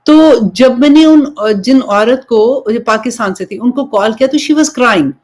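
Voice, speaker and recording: A woman's voice: a little high, a little mellow. A young woman from Pakistan giving an informal religious talk, telling a story in a chatty way and slipping English phrases in between. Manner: conversational storytelling, switching between Urdu and English. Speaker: Islamic preacher.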